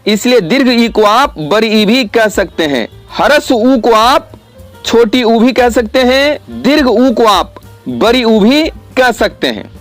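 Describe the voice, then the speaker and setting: A man with a high voice teaches a classroom lesson to children, drawing out each vowel so they can hear it. He talks slowly and deliberately, and soft music plays faintly in the background. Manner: slow, careful explanation with drawn-out vowel sounds.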